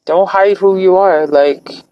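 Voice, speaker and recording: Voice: medium pitch, slow, smooth, no room sound, highs cut off. A live-streamer from California talking in a casual, earnest, reflective way, rambling with frequent restarts. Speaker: livestreamer.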